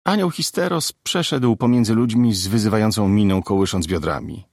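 A man narrating an audiobook story expressively, in a lively storytelling manner. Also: on the low side, normal speed, no echo, studio quality.

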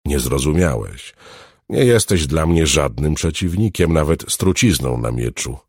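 A low-voiced man playing an alchemist swordsman who speaks with quiet, deceptively mild menace, a little higher than the reader's own voice. The tone is husky and dry, heard close up. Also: unhurried, no echo, exaggerated voice. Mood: calm menace. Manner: calm, deceptively gentle, then commanding. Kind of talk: audiobook character reading.

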